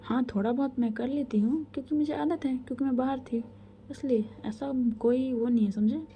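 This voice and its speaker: A woman's voice: high-pitched, steady tone, normal speed, mellow, a little hiss or hum. A woman voicing a bossy, tipsy young woman who teases and gives orders, in a told love story. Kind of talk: storybook voice acting.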